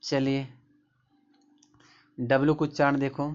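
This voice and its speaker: A man's voice: mid-range voice, completely flat delivery, slow pace, a little mellow. Man teaching pronunciation, lo-fi sound. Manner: repetitive, pointing at examples. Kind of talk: explaining pronunciation rules in Hindi. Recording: dull lo-fi recording.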